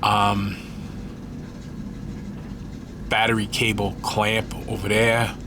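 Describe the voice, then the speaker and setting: A congested, stuffed-up man walks through his scale model build in a casual hobby tutorial, rambling and correcting himself along the way. His voice is on the low side and level in tone, his pace unhurried, with background noise in the recording.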